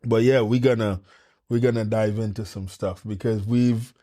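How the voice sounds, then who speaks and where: A man hosting a casual podcast interview, enthusiastic with animated interjections. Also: on the low side, normal speed. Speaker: podcast host.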